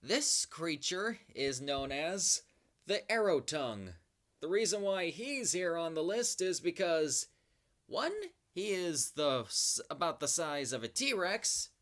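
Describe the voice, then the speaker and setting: Horror-host style countdown narrator, slow delivery, animated pitch, spooky theatrical asides, dramatic pauses. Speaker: host of a top-ten creature countdown video. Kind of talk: spoken countdown commentary, semi-improvised.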